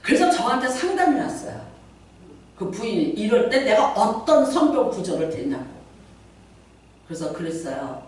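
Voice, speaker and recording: A woman's voice: medium pitch, big pitch swings, normal speed, long pauses, a little mellow. A middle-aged woman pastor preaching a Sunday sermon in a conversational, storytelling way, with playful asides and acted-out quotes. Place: church sanctuary. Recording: very echoey hall, mic far off.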